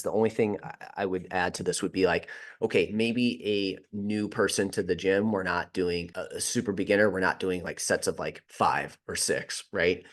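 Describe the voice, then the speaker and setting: Man, podcast host, very low voice, rapid delivery, rambling solo Q&A, repeats and restarts. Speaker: podcast host answering listener questions.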